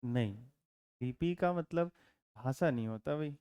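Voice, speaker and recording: Clear-voiced male teacher quizzing his class. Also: mid-range voice, measured pace, no echo, clean studio sound. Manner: asks the class frequent check questions; calm explaining tone with teasing asides. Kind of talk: classroom lecture. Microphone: camera mic in classroom.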